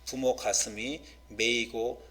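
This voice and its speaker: A male pastor preaching a sermon with passion, his voice swinging between raised outbursts and quiet drops, with some English words mixed into his Korean. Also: mid-range voice, fairly even intonation, slow. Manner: passionate preaching, voice rising and dropping sharply.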